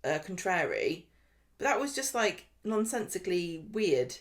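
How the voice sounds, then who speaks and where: Animated woman ranting in casual chat. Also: lowish voice. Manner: animated, incredulous, rapid complaints. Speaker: podcast co-host.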